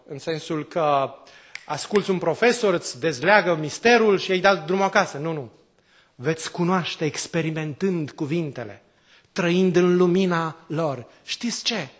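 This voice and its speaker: High-voiced male preacher asking rhetorical questions. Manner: swings between loud exclamations and quiet drops. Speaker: priest. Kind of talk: sermon.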